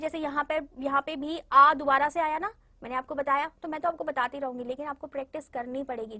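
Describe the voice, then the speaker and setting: A woman with a high-pitched voice leads a children's class. She breaks words into slow, careful syllables and speaks to the little ones directly, patient and encouraging throughout. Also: bright, forceful tone. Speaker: primary school Hindi teacher. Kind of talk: online class lesson for young children.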